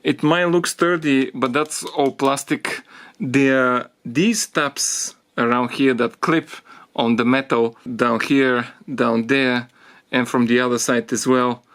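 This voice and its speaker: A man explaining a car repair as he works on it, thinking aloud in halting phrases and getting out of breath from the effort. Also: medium pitch, fairly even intonation, fairly bright tone. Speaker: DIY car repair presenter. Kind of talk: hands-on repair tutorial.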